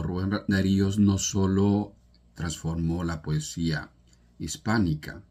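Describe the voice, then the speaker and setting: Husky low-voiced Salvadoran-born man. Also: dark tone. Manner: earnest, with restarts and emphatic rises. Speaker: literature presenter. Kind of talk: informal literary talk.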